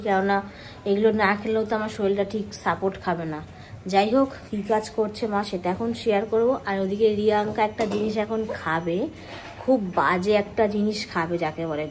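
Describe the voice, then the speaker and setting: A young adult woman vlogging in a casual, chatty way, speaking softly and sparingly because of a sore tooth, and teasing her family. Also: mid-range voice, a little hiss or hum, rough recording. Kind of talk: casual vlog chat.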